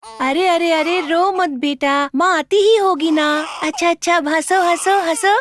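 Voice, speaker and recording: Casting: a meek young girl, very high voice, slow and soft. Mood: soothing. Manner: soft, pleading. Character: gentle, unloved adopted young girl. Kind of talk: Hindi TV serial acting.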